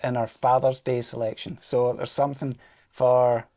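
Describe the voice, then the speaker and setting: A man's voice: mid-range voice, level tone, moderate pace, warm tone, no echo. A man co-hosting a podcast in casual chat, easygoing, often answering with short agreements. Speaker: podcast co-host.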